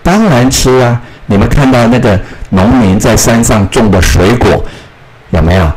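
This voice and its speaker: A man's voice: mid-range voice, breathy edge, faint music behind, rough recording. A man teaching a recorded English lesson, sounding out spellings and repeating model phrases. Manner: slow, drawn-out model phrases with a lively voice.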